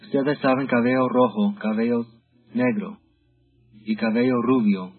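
A man's voice: medium pitch, fairly even intonation, measured pace. A man preaching a sermon, telling the story of a vision and talking directly to his congregation. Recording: tinny phone-like sound with faint music.

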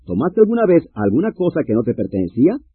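A man's voice: medium pitch, huge pitch swings, quick pace, husky. A man interpreting a sermon phrase by phrase. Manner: follows phrase by phrase. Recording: tinny lo-fi line.

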